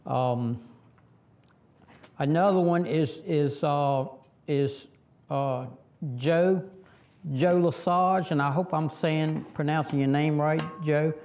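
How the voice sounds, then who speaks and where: A man's voice: on the high side, steady tone, takes it slowly, pauses often, darkish tone. A middle-aged man from Virginia with a Southern accent, rambling in a casual how-to vlog with lots of fillers, kneeling by a tractor outdoors and picked up by a camera a few meters off. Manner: rambling, folksy, many fillers and restarts. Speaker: tractor vlogger. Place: outdoors under a fabric shelter, kneeling by a tractor.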